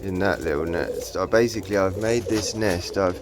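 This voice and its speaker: Hobby pigeon keeper, casual vlog, low voice that lifts to coax the birds, noisy loft. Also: male voice, normal speed. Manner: coos at the birds in a raised, coaxing voice, hesitant with fillers. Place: pigeon aviary. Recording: loud birds cooing behind. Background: pigeons cooing.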